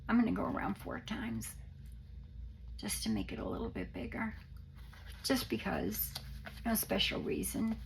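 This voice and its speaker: Slow, very croaky, hoarse woman, papery and breathy. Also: mid-range voice, wildly swooping pitch, a little hiss or hum, poor audio. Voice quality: croaky, breaking into papery whisper. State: hoarse and unwell. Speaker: craft tutorial host. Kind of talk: casual step-by-step craft demonstration.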